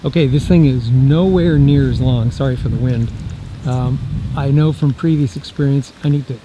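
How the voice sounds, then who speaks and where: A radio reviewer and video host demonstrates gear outdoors in the wind, thinking aloud in a folksy, rambling manner during a casual hands-on gadget demo. His voice is mid-range and moderately paced.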